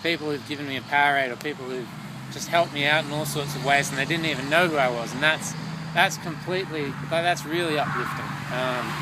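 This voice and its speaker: A tired man, a solo runner, recording a rambling, thoughtful video diary outdoors by a road. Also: fairly high pitch. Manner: rambling, thoughtful, lots of fillers. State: tired after a long run. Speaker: solo long-distance runner vlogging. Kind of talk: casual reflective video diary. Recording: loud traffic noise outdoors.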